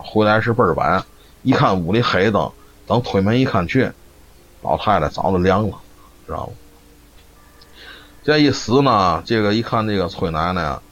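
A man telling a folk ghost story on a live stream, chatty and always checking "you know?". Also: deep voice. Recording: dull lo-fi stream audio, faint noise.

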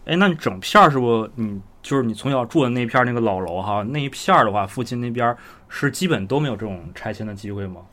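Very fast-talking man, casual podcast host. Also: medium pitch, expressive, fairly bright tone. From China, outside Beijing. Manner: rambling questions, paraphrases what he hears. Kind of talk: casual conversational interviewing.

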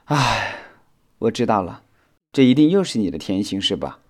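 In a children's audio storybook, a man voices a sensible, caring young male insect who scolds in a kind, steady way. His pitch is medium and his pace a little fast.

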